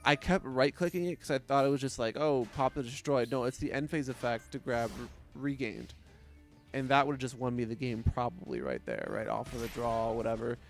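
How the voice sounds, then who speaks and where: A man's voice: mid-range voice, a little fast, vocal fry, soft background music. A man giving casual gameplay commentary, swearing often, mocking his opponents and laughing between plays. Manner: profane, trash-talking, laughs often. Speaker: gaming commentator.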